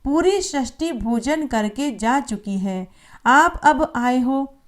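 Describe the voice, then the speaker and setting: A woman's voice: high voice, expressive, slow. Woman narrator does a cranky, stingy old mother-in-law who scolds sharply. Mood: scolding.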